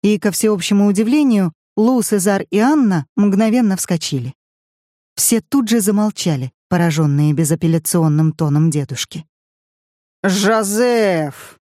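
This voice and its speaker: An audiobook reader narrating a family drama in measured, even storytelling. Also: mid-range voice, no room sound, studio quality. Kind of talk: scripted narration.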